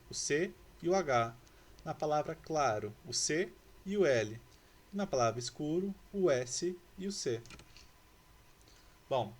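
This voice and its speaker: A man's voice: mid-range voice, slight background noise. A male Brazilian Portuguese grammar teacher giving a lesson to schoolchildren, patiently spelling out letters and syllables.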